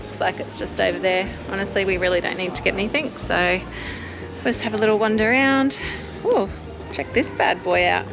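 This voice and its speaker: A woman's voice: mid-range voice, a little fast, vocal fry, music in the background, rough recording. An Australian woman chatting informally as she narrates a travel vlog. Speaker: travel vlogger. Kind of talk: casual vlog chat.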